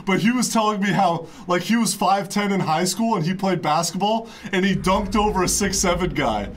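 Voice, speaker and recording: A man's voice: high voice, normal speed, fairly bright tone. A young man chatting casually on a stream with friends, rambling in laid-back banter. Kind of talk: casual chat.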